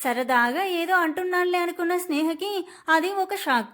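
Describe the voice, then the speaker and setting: A woman narrating a romantic family story in an emotive, expressive storytelling manner. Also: very high-pitched, moderate pace.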